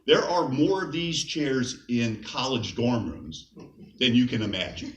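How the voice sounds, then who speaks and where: At a memorial, a middle-aged man who leads scouts shares easygoing stories about the deceased, occasionally chuckling. His medium-pitched voice is captured from afar, off-mic, in a reverberant hall with a little background noise.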